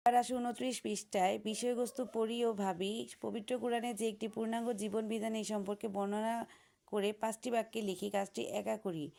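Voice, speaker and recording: A Bangladeshi woman teacher reads through workbook answers aloud, ticking off each item in a steady, drilled rhythm. Her voice is heavily gravelly with strong fry, and she keeps her pitch almost flat from item to item. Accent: Bangladeshi Bengali. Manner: steady drilled listing, letter by letter. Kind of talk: reading textbook answers aloud, recitation.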